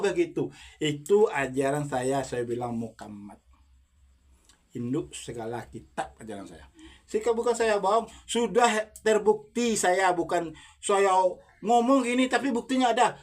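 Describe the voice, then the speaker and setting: A self-proclaimed religious teacher, a man, delivers an insistent, repetitive monologue sermon packed with rhetorical questions aimed at the listener. He has a high, fairly bright voice.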